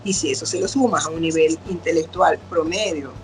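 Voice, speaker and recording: Her voice is deep and a little fast, with soft music in the background. She's a middle-aged doctor appearing as a guest expert, patiently explaining in a relaxed interview and playing out quoted parents and kids.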